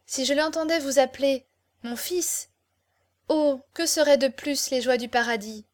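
Give me a woman reading a tender young woman in love, soft and heartfelt, fairly high. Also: a little slow. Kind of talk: audiobook character reading.

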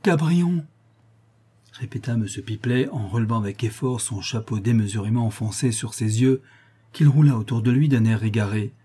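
Male audiobook reader, husky and mellow, measured storyteller for a classic novel. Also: on the low side. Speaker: audiobook narrator. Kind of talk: scripted narration of a classic novel.

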